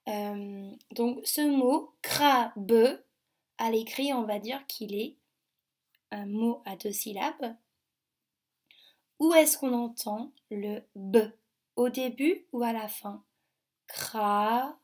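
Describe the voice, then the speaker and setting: A woman leads a phonics lesson for small children, speaking very slowly. She sounds out syllables one by one with patient care, her voice sitting a little higher than most. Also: darkish tone. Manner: slow, sounding out syllables carefully. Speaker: teacher.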